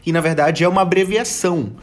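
A man's voice: a little high, fast talker. A man in his twenties from Brazil hosting a casual chat, joking and slangy, often laughing. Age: 20s. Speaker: podcast host.

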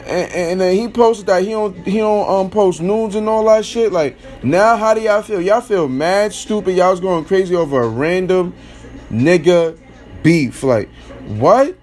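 A man's voice: high-pitched, measured pace, a little mellow, soft background music. A young man ranting bluntly in casual slang, mocking his listeners as a podcast host. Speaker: podcast host giving opinions. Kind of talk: casual opinion rant.

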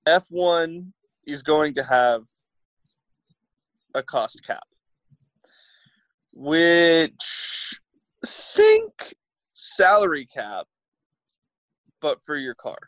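Male podcast host, slightly high voice, wry teasing delivery, dry close mic. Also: wildly swooping pitch, very slow, pauses often, fairly bright tone, no echo, low-quality recording. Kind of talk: casual chat.

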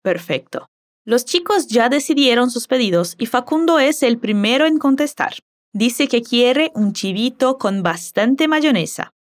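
A woman whose first language is Portuguese teaching a Spanish lesson, slowly modeling words and phrases for the listener to repeat. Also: a little high, expressive. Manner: slow, careful modeling of words.

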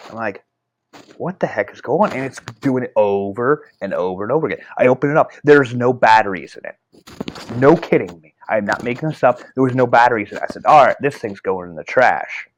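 A man's voice: mid-range voice, creaky. A middle-aged man casually telling a personal ghost story, rambling with fillers and restarts. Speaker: author.

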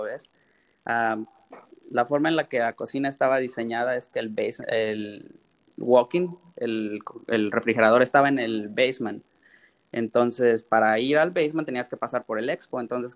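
A man, a guest in an interview, telling his story in a relaxed, animated way and acting out quoted dialogue. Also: mid-range voice. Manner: repeats "literal" often. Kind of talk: casual storytelling.

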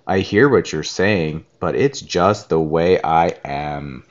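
A man voicing a glum, forever-pouting male fish in a children's storybook, with a slow, drooping sing-song refrain. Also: low-pitched, muffled recording, pitched below the performer's own voice. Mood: gloomy.

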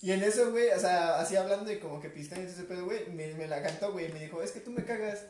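Mexican man, high voice, quick storyteller, distant mic in an echoey room. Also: a little mellow. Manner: slangy, says "güey" constantly. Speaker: podcast guest or co-host. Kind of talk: casual storytelling chat. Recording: roomy, off-mic, faint noise.

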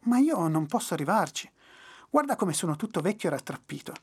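Brief: sly, pleading old schemer, done by the narrator, husky and lively. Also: medium pitch, fairly quick. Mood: wheedling. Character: cunning, scheming old man Jack. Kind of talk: storybook reading.

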